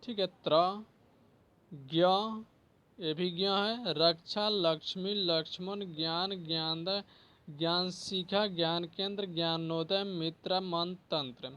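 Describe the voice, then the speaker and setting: A male teacher giving a slow spelling lesson, repeating each word and often adding "ठीक है". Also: sits high, steady tone, fairly bright tone, smooth.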